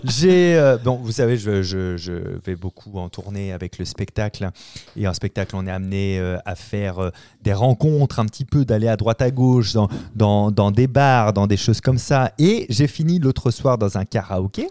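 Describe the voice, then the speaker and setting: A man's voice: on the low side, normal speed, dark tone, smooth. A man hosting a comedy podcast in casual chat, playful and sometimes stumbling over his phrasing, sounding tired. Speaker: podcast host.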